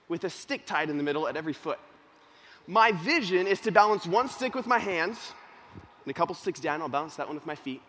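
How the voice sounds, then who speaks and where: A young man delivers a motivational talk in the manner of an animated storyteller. His voice sits a little higher than most men's, and he moves between loud, excited bursts and hushed, serious stretches. A faint hum of noise sits behind him. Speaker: youth organization speaker. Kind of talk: motivational speech with personal story.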